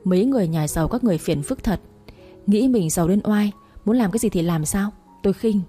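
A woman's voice: medium pitch, fairly quick, soft background music, close to an everyday voice. Woman voicing a scornful young divorcée. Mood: cold, scornful. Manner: sharp and scornful when lashing out. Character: young divorced woman, poor, proud and hurt.

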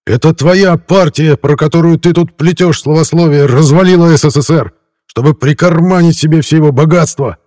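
A man's voice: lowish voice, fairly quick, dark tone, no echo, clean studio sound, lightly acted. A man reading the lines of a young man from the future, earnest and explaining, prone to furious outbursts.

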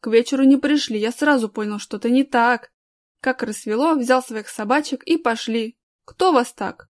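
A woman's voice: a little high, normal speed, natural voice. A woman voicing a kindly old grandfather who grumbles good-naturedly, in a storybook reading.

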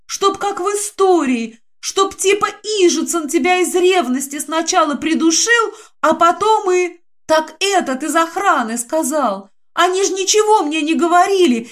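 A woman voicing a frightened, tearful young woman who talks in a high, breathless, pleading rush. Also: expressive, measured pace, few pauses, a bit bright, exaggerated voice.

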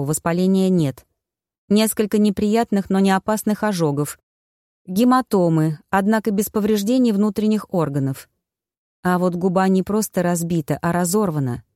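Woman as first-person audiobook narrator, brisk and clear, dry close recording. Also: mid-range voice, darkish tone, no room sound.

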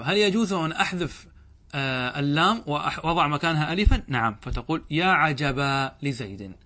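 Fairly high-voiced man teaching grammar. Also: a bit bright. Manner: reads the text aloud, then explains it; asks questions and answers them himself. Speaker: sheikh teaching Arabic grammar. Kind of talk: classroom lecture on a grammar text.

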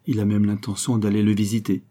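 A man's voice: on the low side, monotone, quick pace, mellow, lightly acted. A man voicing an earnest young noblewoman. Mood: resolved. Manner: pleading, emphatic exclamations. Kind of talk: audiobook character reading.

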